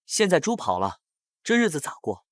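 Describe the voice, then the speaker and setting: A worn-out old grandmother from a folk horror story, played by a man, pleading and bitter. The voice sits fairly high with lively rises and falls, recorded dry and close. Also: normal speed, dry recording.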